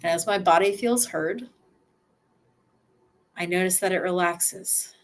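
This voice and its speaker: Her voice is on the low side, with a faint hiss or hum behind it. She takes listeners through a slow guided relaxation, gentle and first-person, pausing to breathe and sigh.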